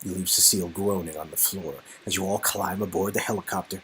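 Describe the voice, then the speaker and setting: A low-pitched man speaks briskly on a rough recording with a little hiss or hum. He performs an interactive game's dialogue as a dramatic reading, animated and improvising, mixed with rambling, joking casual banter.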